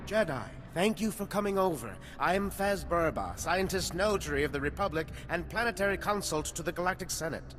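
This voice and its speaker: A man voices a self-important, fame-hungry scientist in video game dialogue, sounding pompous and eager with formal, verbose phrasing. His high, slightly bright, expressive voice races briskly with hardly any pauses, recorded in a reverberant hall with background noise.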